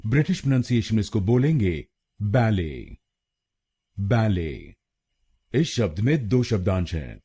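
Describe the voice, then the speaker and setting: A man from India teaching pronunciation in a scripted lesson, speaking slowly and deliberately and repeating each word twice. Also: on the low side, big pitch swings, warm tone, slightly rough.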